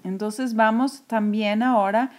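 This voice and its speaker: Woman teacher, slightly high voice, unhurried, patient, screencast lesson. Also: steady tone, a little mellow. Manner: patient, explanatory, repeats terms slowly.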